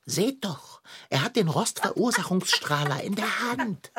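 A woman's voice: mid-range voice, lively intonation, normal speed, slightly rough. A woman leading a children's audio play, urging her friends on in a theatrical, urgent manner. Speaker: narrator and lead character.

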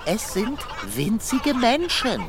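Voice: medium pitch, very animated, slow pace, noisy background. Someone voicing a wordy, fussy tomcat. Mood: lecturing. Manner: wordy, fussy, easily flustered. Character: talkative male tomcat with a tail.

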